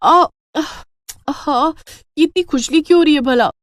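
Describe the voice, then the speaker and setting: Female narrator playing a vain young daughter-in-law in a cartoon, high, whiny, shrill. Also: expressive, fairly quick, no room sound, studio quality, close to an everyday voice. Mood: panicked.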